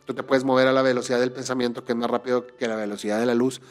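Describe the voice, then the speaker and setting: A man tells a personal story on a casual podcast. He speaks in an animated way, restarting phrases and repeating words while he searches for the thread. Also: medium pitch, very fast. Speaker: podcast host.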